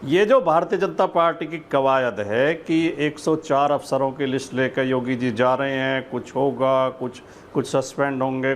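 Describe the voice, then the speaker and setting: A man's voice: medium pitch, slight background noise. A man speaking for his party in a TV debate, opening with a couplet and asking rhetorical questions. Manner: opens with poetry, rhetorical. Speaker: party spokesperson. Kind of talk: debate argument.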